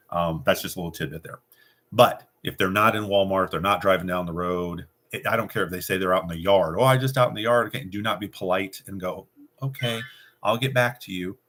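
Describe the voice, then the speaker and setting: A man's voice: sits low, fairly bright tone, slightly rough. A middle-aged man giving casual sales training, acting out phone scripts with a confident, direct manner. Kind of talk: casual instructional talk.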